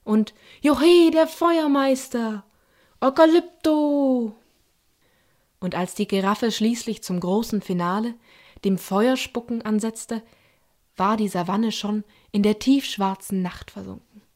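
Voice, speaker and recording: A woman narrating a children's bedtime story in a calm, soothing way. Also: medium pitch, a little slow. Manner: calm and soothing, voices characters lightly.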